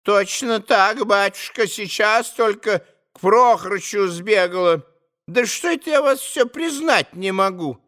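A shrill, thin old servant woman, put on by a male narrator in a storybook reading. She scolds and chatters in homely, deferential speech, her voice very high and piercing. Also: expressive, unhurried, fairly bright tone. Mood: chatty. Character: fussy old woman servant, startled and sharp. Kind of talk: audiobook character reading.

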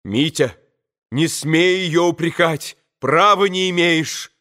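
A man's voice: fairly high pitch, slow pace. A man voicing an earnest young man who speaks heatedly to his brother in an audiobook. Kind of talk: audiobook character reading.

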